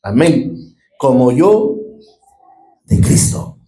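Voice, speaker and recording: A man's voice: mid-range voice, big pitch swings, extremely slow, warm tone, reverberant, low-quality recording. A middle-aged man with a Guatemalan Spanish accent preaching a sermon as a pastor, calling out to his congregation for responses.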